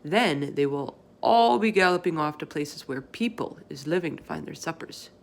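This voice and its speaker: Storybook friendly giant, played by a woman: earnest, excitable, emphatic, tumbling through garbled folksy speech. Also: low-pitched, normal speed, gravelly, slight background noise. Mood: emphatic explaining. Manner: emphatic, garbled folksy grammar with made-up words.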